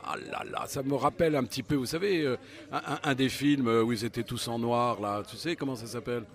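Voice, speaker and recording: A man's voice: medium pitch, fairly quick. Guy doing a street interview, jokey and chatty, lots of euh and puns.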